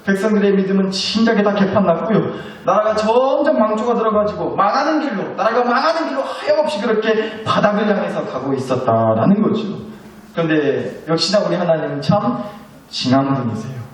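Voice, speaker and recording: 목소리가 높고 억양이 풍부한 남자 목사. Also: male voice, sits high. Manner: lively, joking storytelling with acted quotes. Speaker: pastor. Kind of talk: sermon. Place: church sanctuary. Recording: echoey church hall, mic from a distance.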